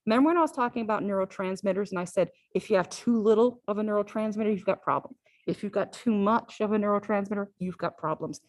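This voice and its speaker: A woman's voice: medium pitch, fast talker, dry recording, rough recording. Dry-sounding woman lecturing casually. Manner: conversational and repetitive, with frequent "all right?" check-ins. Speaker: physiology lecturer. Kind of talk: classroom lecture.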